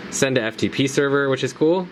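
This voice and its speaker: A man's voice: medium pitch, fairly quick, noisy background. A man giving a casual, laid-back tutorial as a motovlogger, talking informally with plenty of slang. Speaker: motovlogger presenting a gear tutorial.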